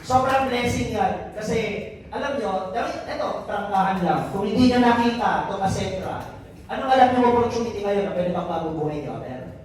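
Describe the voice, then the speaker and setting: A high-voiced man from Albay, Philippines, works as a business mentor and motivational speaker and delivers a motivational speech to a live audience indoors at an event venue hall. He talks fairly quickly, jokes and teases, and keeps quizzing the crowd. The hall is very echoey, and he is recorded from a distance.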